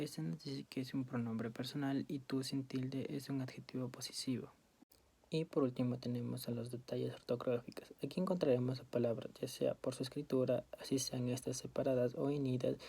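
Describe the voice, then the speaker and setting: A woman reading study notes aloud as a student presenter, in a steady, list-like way. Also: very deep voice, breathy edge.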